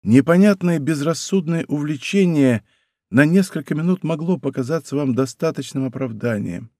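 A man voicing a fragile, despairing young woman in an audiobook, speaking softly and pleadingly, close on a studio mic. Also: a little high, moderate pace, dry recording, natural voice. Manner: soft, hushed, pleading. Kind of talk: audiobook character voice.

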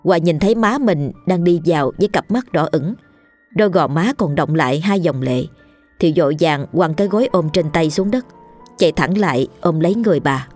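A woman narrating a ghost story in a steady, measured scripted reading. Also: deep voice. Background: faint music.

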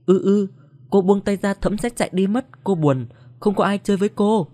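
A man's voice: sits high, normal speed, dark tone, pitched above the performer's own voice, natural voice. A man voicing a childish, clinging young female ghost who whines and pleads. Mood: whiny.

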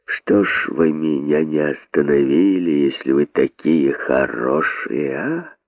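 A man's voice: a bass voice, animated, takes it slowly, dry recording, voice pushed down, exaggerated voice. An actor reading an audiobook, voicing a bitter, cynical male rabbit who speaks in a sneering, jittery way, on tinny phone-like audio.

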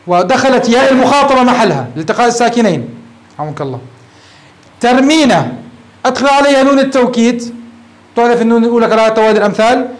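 Man, grammar lesson, quick questioning delivery, high voice. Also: poor audio. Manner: explains step by step, asks the class questions. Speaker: sheikh teaching Arabic grammar. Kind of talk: classroom lecture at a whiteboard.

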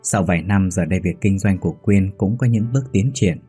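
A man calmly narrating a read-aloud ghost story in a steady storytelling manner. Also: low-pitched, brisk, slightly rough. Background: faint music.

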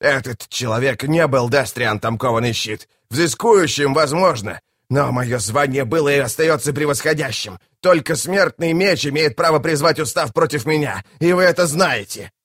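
A man's voice: medium pitch, lively intonation, moderate pace, few pauses, a bit bright, dry recording, studio quality, pitched above the performer's own voice. A male audiobook reader voicing a desperate, shrieking masked priest who protests with indignation. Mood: indignant. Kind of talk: audiobook character voice.

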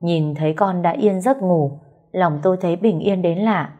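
A woman narrating a family story in a calm, measured, sorrowful way. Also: lowish voice, lo-fi sound.

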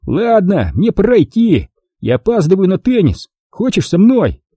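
A man's voice: high voice, sing-song, moderate pace, mellow, slightly rough, dry recording, voice pushed up, heavily acted. A man voicing a cocky boy who boasts and teases in a raised voice. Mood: mocking. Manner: boastful, teasing. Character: cocky mocking boy show-off.

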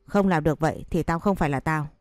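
A woman's voice: sits low, fast talker, a little mellow, dry recording, clean studio sound, soft background music, natural voice. Woman voicing a furious betrayed wife. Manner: scolding, cursing, threatening. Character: furious betrayed wife, sharp-tongued and vengeful.

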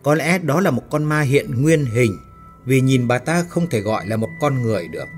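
A man's voice: medium pitch, animated, moderate pace, music in the background, natural voice. A man voicing a frightened, confused young male worker who stammers and cries out in panic.

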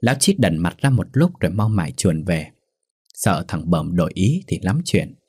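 Low husky male storyteller. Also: moderate pace, no echo, clean studio sound. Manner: lively, colloquial folk-tale telling. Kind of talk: storytelling narration.

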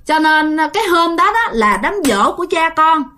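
A woman voicing a poor old woman who pleads her case in a flustered, high voice. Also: very animated, moderate pace, sharp tone, full character voice. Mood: pleading.

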